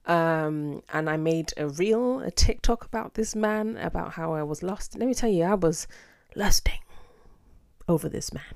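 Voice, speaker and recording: Low-voiced British woman chatting sassily. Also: creaky. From United Kingdom. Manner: sassy, theatrical, slangy, expressive. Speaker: podcast host. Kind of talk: casual solo podcast chat.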